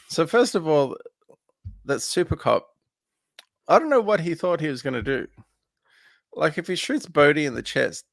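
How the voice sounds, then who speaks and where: A man's voice: mid-range voice, creaky, fairly bright tone, dry recording. A man co-hosting a casual film podcast, recapping scenes in a rambling way with lots of fillers. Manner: rambling recap with many fillers, laughs easily. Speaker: podcast co-host.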